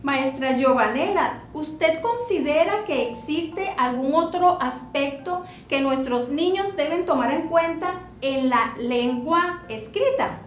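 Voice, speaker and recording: A woman teacher explaining punctuation to children in a slow, deliberate classroom manner. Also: high voice, expressive, slight background noise. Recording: echoey room with faint music.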